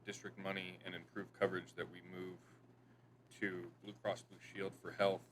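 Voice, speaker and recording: A man's voice: sits low, level tone, moderate pace, fairly bright tone, slight background noise, poor audio. A man on a board speaking casually, thinking aloud before making a motion. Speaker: board member. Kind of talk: board meeting discussion.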